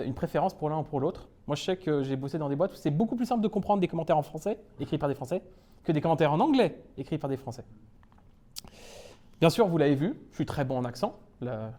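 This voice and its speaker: A man's voice: a little high, warm tone. A man from France giving a humorous tech talk at a meetup, playful and self-mocking, chuckling often between points. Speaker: conference speaker.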